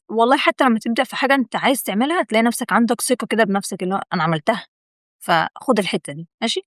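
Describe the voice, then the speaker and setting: A young Egyptian woman talks straight to her viewers in a rapid, encouraging pep talk, her voice sitting a touch high. She repeats key words for emphasis and keeps it chatty and direct. The sound is close and dry, with no room around it. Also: no room sound. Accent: Egyptian Arabic. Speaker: video host. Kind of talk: motivational talk to camera.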